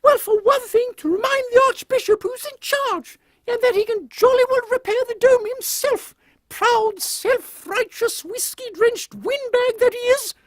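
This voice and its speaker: Very high-pitched, imperious queen, Victoria. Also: a little slow, no room sound. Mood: brisk, imperious. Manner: haughty, scolding, formal old-fashioned phrasing. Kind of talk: comic audio drama acting.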